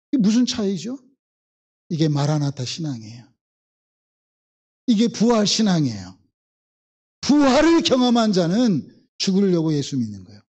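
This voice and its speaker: A male pastor from the Jeolla region of South Korea preaches a sermon, acting out biblical voices and repeating lines for emphasis. His voice is high with a darkish tone, and the recording has its highs cut off.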